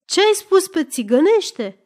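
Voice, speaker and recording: A woman voicing a hot-tempered middle-aged male clerk who shouts and threatens in an audiobook story. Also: fairly high pitch, sing-song. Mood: furious.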